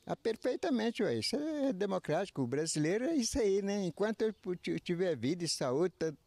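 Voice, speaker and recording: A man in his eighties, a retiree interviewed outdoors into a handheld microphone, speaking haltingly with many restarts and filler tags. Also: sits high, very animated, gravelly, a little mellow, no room sound. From Brazil. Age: 80s. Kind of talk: street interview. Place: outdoors under trees by a house. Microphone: handheld reporter mic.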